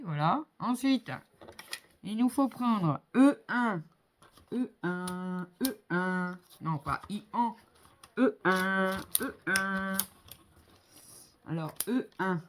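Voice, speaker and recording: A woman's voice: mid-range voice, slight background noise. A middle-aged woman chatting casually as she builds a model kit, thinking aloud with many fillers. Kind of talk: casual hands-on crafting commentary.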